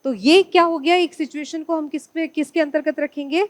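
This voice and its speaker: Woman, teacher, high pitch, dry close sound, lecture with rhetorical questions. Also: fairly even intonation, a little fast, no echo. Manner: poses rhetorical questions to students and answers them herself. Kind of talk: online exam-prep lecture.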